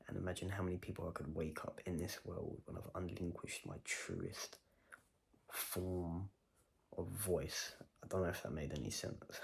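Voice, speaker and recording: A man with a low, gravelly voice records a personal video diary, reflecting and rambling while questioning himself as he goes.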